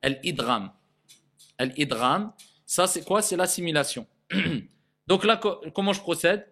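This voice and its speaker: A man with a somewhat high voice teaches Quran recitation. He checks in constantly with his listeners and says each Arabic word slowly, again and again, as a drill. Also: creaky, fairly bright tone. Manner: repeats Arabic words slowly to drill pronunciation; checks in with frequent "d'accord?" and "ok?". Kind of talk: tajwid lesson.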